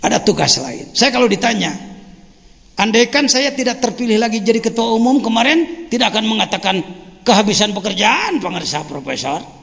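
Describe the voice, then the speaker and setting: An older man with a Sundanese accent, teaching a religious lecture in an animated, joking way. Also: high-pitched, fairly quick, vocal fry. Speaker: Islamic teacher. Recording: dull lo-fi sound with long hall reverb.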